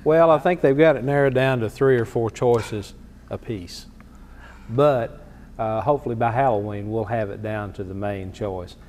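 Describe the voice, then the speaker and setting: A man's voice: fairly low pitch, moderate pace, darkish tone. A man chatting casually. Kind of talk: casual chat. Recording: long reverb, faint noise.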